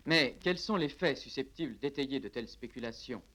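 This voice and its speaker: A man's voice: mid-range voice, lively intonation, moderate pace, fairly bright tone. A man challenging a guest sceptically in a formal radio discussion, on old worn tape. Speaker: radio interviewer.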